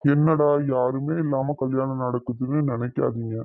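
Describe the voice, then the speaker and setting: An earnest middle-aged cartoon father, voiced by a man gives a heartfelt speech at a medium pitch. The sound is tinny and phone-like, and dry. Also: fairly even intonation, normal speed, no echo, lightly acted.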